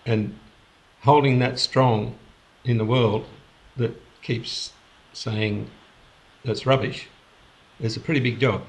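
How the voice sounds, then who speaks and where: A man hosting a spiritual gathering over a video call, speaking in an unhurried, halting way with restarts. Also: mid-range voice, steady tone. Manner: unhurried, halting, with many restarts and soft laughs. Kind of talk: casual reflective talk on a video call.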